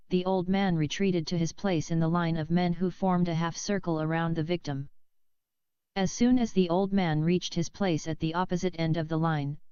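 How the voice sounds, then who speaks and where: A woman reading a book chapter aloud as scripted audiobook narration, in a steady, measured delivery. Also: fairly low pitch, smooth, no echo. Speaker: audiobook reader. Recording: dull lo-fi dry recording.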